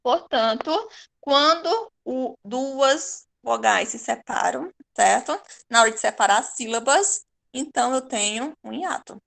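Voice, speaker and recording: A middle-aged Brazilian woman teaches grammar to a class, her voice pitched high. She patiently repeats example words, drawing them out slowly to show how the syllables split. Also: lively intonation, gravelly, fairly bright tone. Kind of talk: online Portuguese grammar lesson.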